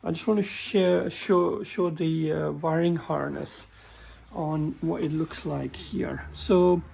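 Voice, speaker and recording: A man walking through a car repair in a halting, casual way, often stumbling and restarting his sentences. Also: a little high, steady tone, creaky, darkish tone, breathy edge. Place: workshop with a work table.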